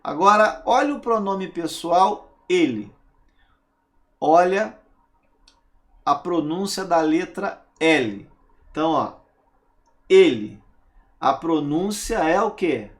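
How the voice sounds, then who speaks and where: A man teaches a recorded grammar lesson, his voice sitting a little high and rising and falling with animation. He speaks slowly and with emphasis, leaning on key words and pausing to check that his students follow. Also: lively intonation. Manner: asks rhetorical questions and checks understanding with "tá?"; emphatic, stresses single words.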